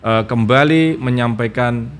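A man's voice: mid-range voice, measured pace. A man hosting a religious talk show, who opens formally with blessings and then jokes with his guest. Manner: formal opening, then lively banter with the guest. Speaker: show host.

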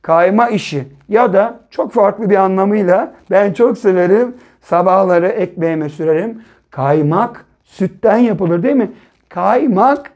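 A man teaching a reading lesson to young children, sounding out syllables slowly, blending them into words and checking understanding with gentle questions. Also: high voice. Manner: gentle, patient, ends points with a checking question. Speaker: primary school teacher.

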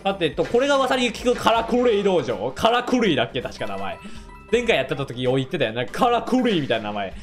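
A hoarse young man hosting a let's play, joking and talking back to the characters in casual commentary. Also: on the high side, big pitch swings, quick pace, music in the background.

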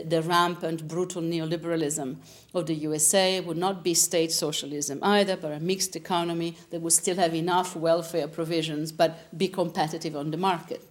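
A woman, answering interview questions in an animated, discursive way in a TV studio. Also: sits low. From Italy. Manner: animated, gesturing, frequent restarts. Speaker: interviewee, philosopher. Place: TV studio with curtain backdrop.

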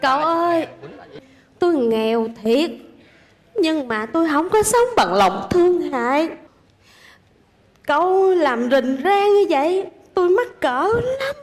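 A woman playing a poor but proud old grandmother who slowly scolds a showy visitor in a comedy sketch. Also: sits high, big pitch swings, in a large hall, full character voice. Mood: dignified reproach.

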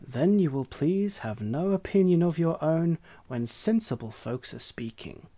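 A haughty male house cat from a fairy tale, voiced by a storyteller. He talks slowly, with a superior air. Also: medium pitch, expressive, warm tone. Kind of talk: storybook reading.

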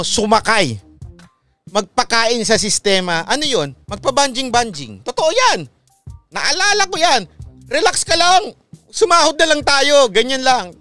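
A man hosting a casual live-stream commentary, repeating his points and checking in with listeners. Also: very high-pitched. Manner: animated, repeats points, asks listeners "okay?". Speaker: online commentary host.

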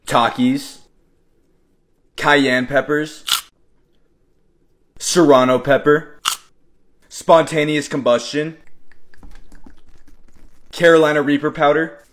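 A man doing terse food challenge commentary, naming items in short, clipped phrases with a deadpan delivery. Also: a little high, takes it slowly, long pauses. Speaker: food challenge video creator.

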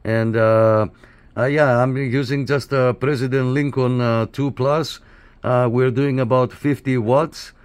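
Seated at a radio desk indoors, a man who operates CB radio and makes videos makes casual, friendly contact, often repeating his phrases. His mid-range voice is steady, unhurried, clear and resonant.

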